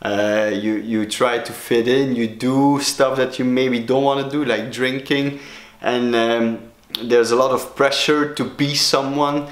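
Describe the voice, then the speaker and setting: A Belgian man, a native Dutch speaker with a Belgian Dutch accent, talks to camera as a sobriety coach in a solo talking-head vlog. His delivery halts often, full of fillers and restarts, in a steady medium-pitched voice with a roomy sound.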